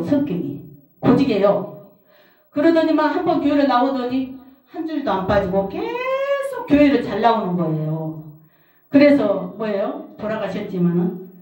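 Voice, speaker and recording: Middle-aged lady preaching, telling her story, mellow voice, echoey hall, mic kinda far. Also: high-pitched. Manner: storytelling, repeats phrases for emphasis. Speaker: pastor's wife preaching. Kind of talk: sermon with personal testimony. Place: prayer house service hall. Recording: roomy hall, distant mic.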